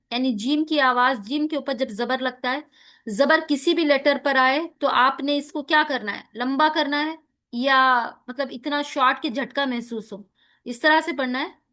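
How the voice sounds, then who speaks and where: A woman teaching a recitation lesson, spelling out letters slowly and carefully between quick explanations. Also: sits high, bright, forceful tone.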